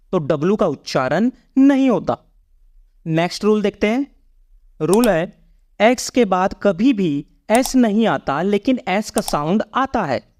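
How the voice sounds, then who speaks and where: A middle-pitched voice taking an unhurried pace. It explains English spelling rules in Hindi, letter by letter. It keeps asking the viewer to say each word back. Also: a little mellow. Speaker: English teacher.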